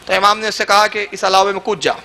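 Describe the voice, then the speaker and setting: A man with a Pakistani Urdu accent delivers a storytelling sermon. His voice sits very high and sounds bright and forceful. He builds to impassioned, declaiming peaks. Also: steady tone. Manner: dramatic, rising to impassioned declamation. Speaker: preacher.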